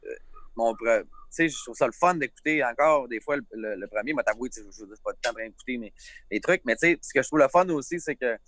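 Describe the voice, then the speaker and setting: Relaxed man with a Lac-Saint-Jean Quebec accent. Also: mid-range voice, fast, dry recording. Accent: Lac-Saint-Jean Quebec French. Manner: relaxed, rambling storyteller. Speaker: singer, interview guest. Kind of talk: casual chat. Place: outdoors.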